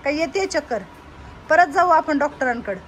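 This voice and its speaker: A woman giving a casual walk-around vlog of an old age home she runs, chatting and loudly coaxing the residents. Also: sits high, lively intonation, moderate pace, dull audio, slight background noise.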